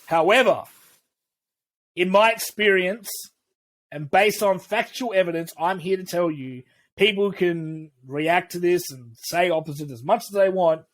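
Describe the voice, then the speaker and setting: Unhurried and high-voiced, a man co-hosts a casual podcast chat. He talks his way loosely through his views, frequently starting over and swearing with good cheer.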